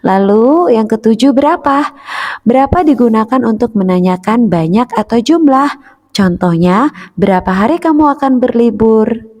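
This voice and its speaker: A woman teacher reading a school lesson aloud to children in a clear, measured way, often starting with "nah". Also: fairly high pitch, animated, darkish tone. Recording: echoey room with long reverb.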